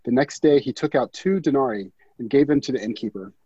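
A man from Baltimore with a mellow, slightly husky voice reads scripture steadily. The sound is dry and muffled. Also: mid-range voice, a little fast, dry recording. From Baltimore, Maryland. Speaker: panel guest. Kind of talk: scripture reading and casual chat.

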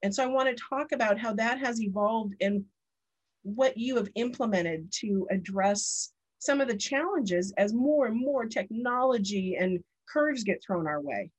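A chatty woman in her fifties hosts a podcast, slipping easily into personal stories. Her voice sits a little higher than most. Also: animated, a little slow, slightly rough. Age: 50s. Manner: chatty and storytelling. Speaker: podcast host. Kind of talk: casual podcast interview.

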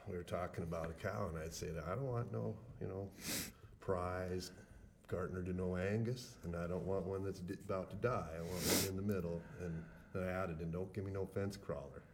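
A man's voice: sits low, fairly even intonation, a little fast, creaky, a little hiss or hum. A man telling a funny story in a folksy, plain-spoken way and laughing along as he goes. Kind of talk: casual storytelling chat.

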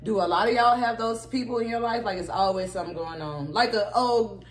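A woman's voice: medium pitch, brisk, echoey room. A woman co-hosting a podcast in casual chat, joking, laughing a lot and swearing freely. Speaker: podcast co-host.

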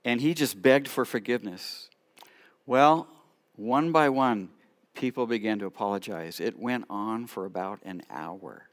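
A middle-aged man, a rabbi, telling stories to a congregation with animated delivery and quiet asides. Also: lowish voice, a little slow. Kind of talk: storytelling talk to a congregation.

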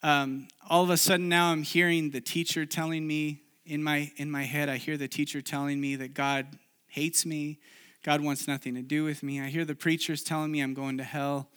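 A man's voice: fairly high pitch, level tone, moderate pace, a bit bright, clear, resonant tone. Earnest man preaching a personal testimony. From Chile. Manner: earnest, confessional, with many restarts.

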